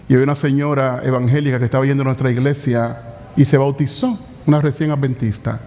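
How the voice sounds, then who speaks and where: A male pastor preaching a sermon in a church, impassioned and slowing down to stress key phrases. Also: a little high, darkish tone. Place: church sanctuary. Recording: long church hall reverb.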